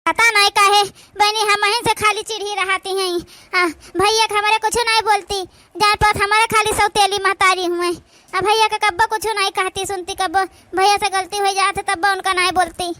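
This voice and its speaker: A woman voicing a young village sister and sister-in-law in an Awadhi cartoon, speaking with an Awadhi accent in a soft, complaining village way. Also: very high voice, little pitch movement, normal speed, no room sound. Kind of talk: cartoon voice acting.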